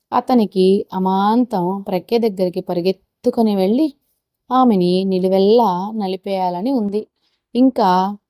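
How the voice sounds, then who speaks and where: A woman narrating an audio story in a steady, expressive reading style. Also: medium pitch, no room sound, studio quality.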